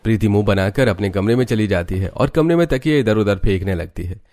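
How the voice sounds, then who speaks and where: Male narrator, low pitch, steady scripted story reading. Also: a little fast, dry recording, clean studio sound. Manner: even, storytelling.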